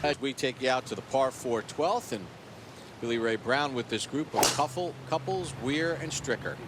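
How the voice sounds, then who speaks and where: A man anchoring a live golf broadcast with a polished, measured announcer delivery. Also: mid-range voice, loud music behind the voice. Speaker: lead broadcast host.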